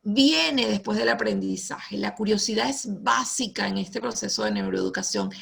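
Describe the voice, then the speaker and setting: A woman's voice: mid-range voice, sing-song, moderate pace, creaky. A woman, giving an enthusiastic, explanatory online talk to teachers over a video call. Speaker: guest speaker, teacher.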